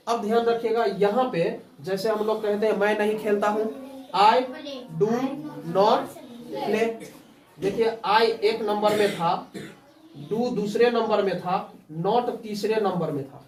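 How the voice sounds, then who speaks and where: Slow and high-pitched, a man speaks with fairly even intonation while running a spoken English class, drilling his students through call-and-response prompts. The lesson is captured from far off the mic, so the sound is roomy.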